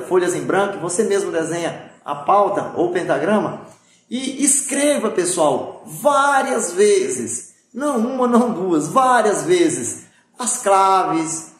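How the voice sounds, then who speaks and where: A man giving a recorded music theory lesson, explaining patiently and checking often that his students are following. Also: high-pitched. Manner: patient, repetitive explaining with frequent "pessoal" and "tá?". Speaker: music teacher. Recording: very echoey room.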